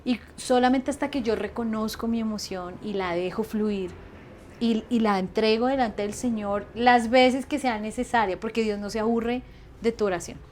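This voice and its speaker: A woman, chatting as an interview guest in an animated way, laughing often. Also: on the high side, normal speed, slight background noise. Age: 30s. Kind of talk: casual conversational interview.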